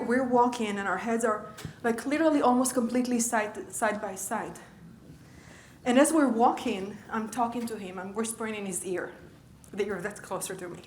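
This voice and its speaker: Female coach lecturing a class, engaging tone, slightly high voice, roomy recording. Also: a little hiss or hum. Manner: engaging, checks in with the audience often. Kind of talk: conversational lecture. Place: lecture room.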